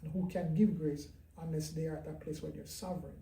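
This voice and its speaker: A man, a pastor and gospel singer, talking in an interview in a reflective, halting and candid way. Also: on the high side, fairly even intonation, warm tone. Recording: roomy sound from a distant mic.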